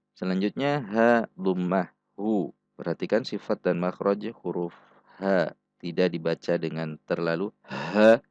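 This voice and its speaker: A man teaching Quran recitation rules, speaking slowly and deliberately and repeating each syllable for practice. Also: sits low, a little mellow, dry recording. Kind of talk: tajwid lesson with slow recited examples. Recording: dull dry lo-fi recording.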